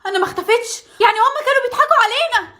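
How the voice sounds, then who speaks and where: A woman with an Egyptian accent voicing the lead girl of a cartoon story, excitable and dramatic. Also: extremely high pitch, very noisy. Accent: Egyptian Arabic. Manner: excitable, dramatic, quick to exclaim. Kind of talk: cartoon voice acting.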